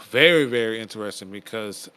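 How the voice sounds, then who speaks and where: A man's voice: fairly low pitch, normal speed, bright, forceful tone, smooth, dry recording. A man co-hosting a casual podcast, rambling and restarting his sentences, swearing now and then. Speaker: podcast co-host.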